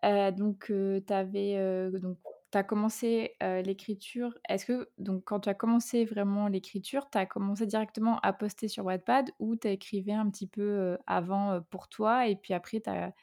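A woman's voice: medium pitch, steady tone, normal speed, warm tone. A woman hosting a casual podcast interview, chatty and laughing easily, with lots of fillers. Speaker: podcast host.

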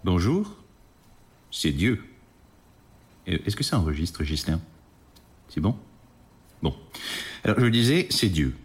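A man's voice: low-pitched, sing-song, slow, long pauses, full character voice. An actor playing God as a chatty, casual male deity in an audio fiction, talking offhandedly with fillers.

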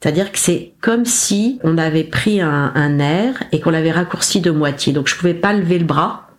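A woman, a podcast guest, recounting her experience in a casual, animated way, acting out her own lines with self-mocking humour. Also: low-pitched, normal speed. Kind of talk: casual storytelling interview.

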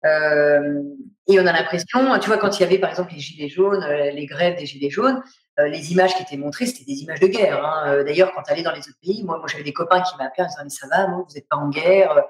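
A French woman author appears as a guest in a casual interview from her home during lockdown, reflecting aloud with many hesitations. Her voice sits low and moves at a quick pace, in an echoey room.

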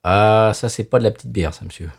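A man's voice: on the low side, fairly quick, creaky, background noise. A man co-hosting a casual beer-tasting podcast who banters in a playful, teasing way. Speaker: podcast co-host.

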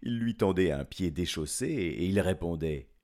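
A man telling a children's story in an animated, playful way, chuckling often. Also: deep voice, moderate pace.

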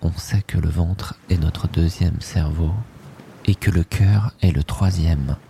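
Deep, slow, hushed male hypnosis guide. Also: fairly even intonation, gravelly, a little hiss or hum. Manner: soft, soothing, hushed delivery in short drifting phrases. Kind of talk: guided sleep hypnosis, meditation.

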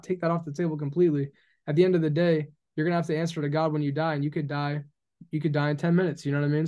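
A young man in his early twenties with a slightly high voice talks faith on a podcast. He is earnest and preachy, piling up repeated phrases as he makes his point. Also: a little mellow. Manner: earnest and preachy, acts out mock dialogues. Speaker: podcast guest. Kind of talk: casual podcast conversation about faith.

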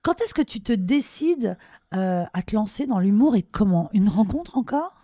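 Eager woman podcast host, warm tone. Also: mid-range voice, expressive, normal speed, no echo, clean studio sound. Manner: enthusiastic, chimes in with prompts. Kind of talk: casual interview.

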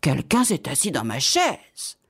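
A woman voicing the middle-sized bear in a storybook reading, in a plain, even voice. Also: low voice, a little slow, husky, voice pushed down, exaggerated voice. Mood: puzzled.

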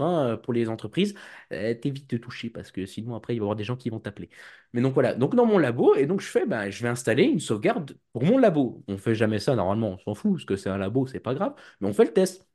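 A man chats loosely about his work in computer security. His voice sits at an ordinary middle pitch, and he wanders through restarts and quick mimicked exchanges. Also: big pitch swings, mellow. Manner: rambling, with restarts and playful acted quotes. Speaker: IT and cybersecurity guest. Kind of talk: casual podcast chat.

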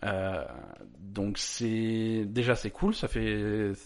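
A man's voice: lowish voice, steady tone, extremely slow. A young adult man, co-hosting a casual gaming podcast, rambling with restarts and joking asides. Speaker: podcast co-host presenting the news.

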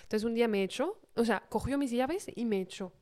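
Mellow-voiced woman telling a story. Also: fairly high pitch, a little fast. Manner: hesitant, many fillers and restarts. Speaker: podcast co-host. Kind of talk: casual personal storytelling.

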